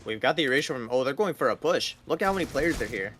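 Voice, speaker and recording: This is a man working as an esports caster, calling the action live with excitement. His pitch sits in the middle for a man, and his delivery is slangy and exclamatory. Noise and clicks can be heard behind his voice. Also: fast talker.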